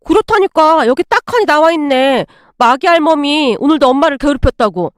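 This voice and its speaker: A woman gives voice to a gleeful sister-in-law who treats every word as great fun. Her voice sits high and bounces around. It is recorded close and dry. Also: fairly quick, no room sound. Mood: amused excited. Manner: amused, teasing, excitable. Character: playful sister-in-law reading a dog translator. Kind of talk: storytelling with acted dialogue.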